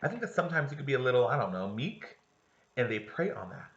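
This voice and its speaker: While reading a novel aloud, a man teaches casually and speaks directly to his students, mixing the reading with discussion. His medium-pitched voice is very animated, fast, and a bit bright. The recording sounds roomy and slightly dull.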